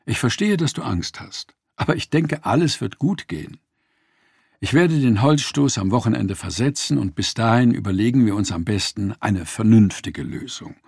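A man voicing a calm, rational young father who speaks in a measured, soothing way, in an audiobook reading. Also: fairly low pitch, gravelly, slightly rough, no echo, clean studio sound, exaggerated voice.

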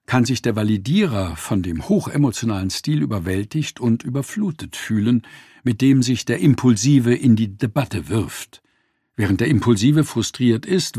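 A man narrating a nonfiction audiobook in a lively, expressive reading style. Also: medium pitch, husky, dry recording, studio quality.

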